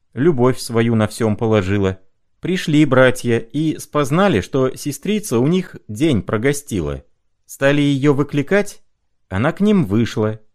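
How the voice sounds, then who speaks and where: A man voicing a tender young woman, soft and higher. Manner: soft, caring, coaxing.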